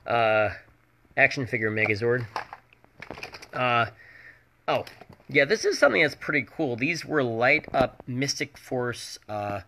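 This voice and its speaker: A man's voice: lively intonation, measured pace, long pauses, background noise. A man presenting items as a home shopping host in a casual, unscripted, rambling and hesitant way. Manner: rambling, hesitant item-by-item pitch with prices.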